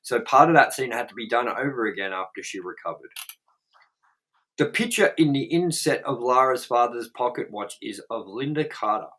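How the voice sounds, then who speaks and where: On a low-quality recording, this young co-host of a movie review show sounds animated and a bit bright, with a medium pitch and moderate pace. Reading trivia aloud, he rambles with blunt, profane talk full of "like" fillers.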